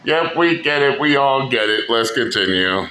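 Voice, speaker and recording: A man hosting a commentary channel reacts to clips bluntly and mockingly, using profanity, in an expressive, medium-pitched voice at a moderate pace. The room is echoey with faint noise.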